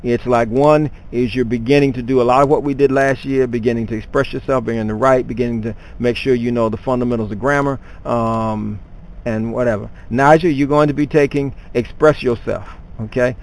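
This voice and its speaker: A man's voice: medium pitch, fairly even intonation, fairly quick, rough recording. A man teaching students in an online class, talking off the cuff with many fillers and restarts.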